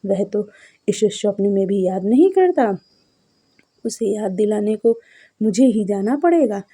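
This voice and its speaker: A woman reading a devotional story, voicing a kind and merciful mother goddess in a soft, husky way. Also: mid-range voice, animated, measured pace. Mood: gentle. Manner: gentle, reassuring.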